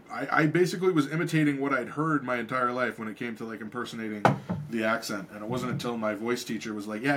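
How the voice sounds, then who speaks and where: A man's voice: mid-range voice, fairly bright tone, a little hiss or hum. A man co-hosting a casual live stream, chatting and joking in a rambling way with frequent restarts. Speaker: co-host.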